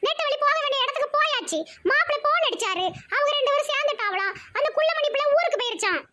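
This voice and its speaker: A woman voicing a brisk, chiding village mother in a cartoon, with a Tirunelveli Tamil accent. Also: extremely high pitch, expressive, bright, forceful tone, heavily acted. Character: middle-aged village mother, brisk and homely.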